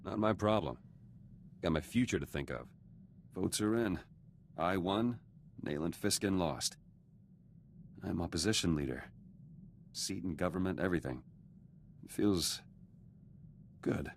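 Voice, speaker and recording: An actor playing a curt, ambitious politician in a video game, speaking in terse, clipped phrases with cold self-assurance. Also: male voice, sits low, animated, measured pace, gravelly, long pauses, a little hiss or hum, full character voice. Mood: smug, curt.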